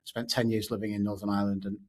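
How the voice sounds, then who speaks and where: A man's voice: on the low side, level tone, quick pace. Chatty male host. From northwest of England. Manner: conversational, agreeable, fills with ums. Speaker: podcast host. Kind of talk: podcast interview.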